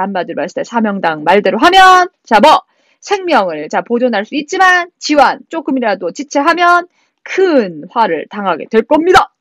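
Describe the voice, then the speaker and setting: A woman teacher giving an exam-prep literature lecture, briskly walking through a story with chatty asides to students. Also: a little high, no echo.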